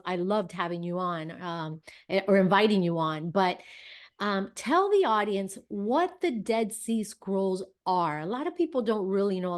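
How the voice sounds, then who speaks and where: A woman hosting a talk show, introducing her guest in a chatty, effusive way with plenty of fillers and restarts. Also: mid-range voice. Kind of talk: casual interview introduction.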